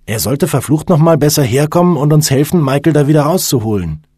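A man playing a fed-up young male lawyer who complains loudly and sharply in a raised voice. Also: on the high side, lively intonation, brisk, slightly rough, no room sound, studio quality, pitched above the performer's own voice. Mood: exasperated. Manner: exasperated, complaining. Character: young newlywed male lawyer, tense and bossy.

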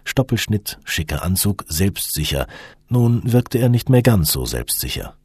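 A man reads an audiobook in a low, husky voice with a lively, varied melody. His storytelling is expressive. The recording is dry and close. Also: a little slow, no room sound. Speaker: audiobook narrator. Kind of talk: scripted narration.

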